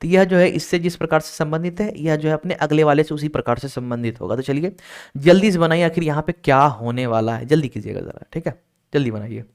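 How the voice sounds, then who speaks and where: Clear-voiced man teaching a reasoning class. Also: fairly high pitch, quick pace. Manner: explains step by step, keeps checking with "ठीक है?" and urging students to hurry. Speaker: online exam-prep teacher. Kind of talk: recorded class lecture.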